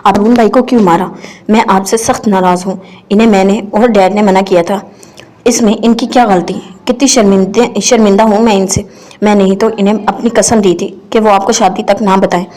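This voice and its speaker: A woman voicing an ill younger sister who speaks softly and sadly. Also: medium pitch, fairly even intonation, lightly acted. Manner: soft, sad.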